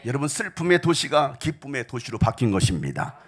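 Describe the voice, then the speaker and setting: A man preaching a Sunday sermon as pastor, moving from hushed asides to loud shouts. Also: brisk. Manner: dynamic preaching, swinging between hushed whispers and loud shouts; gravelly voice with lively pitch. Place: church sanctuary.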